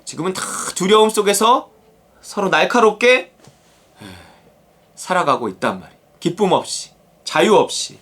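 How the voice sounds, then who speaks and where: A male pastor giving a daily devotional sermon in a conversational, animated way. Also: high voice, normal speed, pauses often. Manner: animated, conversational, acts out quotes.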